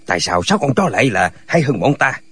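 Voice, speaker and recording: Male actor voicing a pack of silly, bickering hermit brothers in a radio drama, husky and singsong. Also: medium pitch, very animated, fast talker, a bit bright. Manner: bickering, argumentative back-and-forth. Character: six squabbling, foolish male martial hermits.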